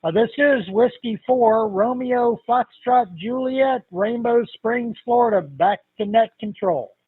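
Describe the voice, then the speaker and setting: An older man checking in to an amateur radio net, talking in a relaxed, rambling, hesitant way, heard through a tinny narrow-band radio transmission. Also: very high voice, measured pace, slightly rough, dry recording. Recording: tinny, dry radio-link audio.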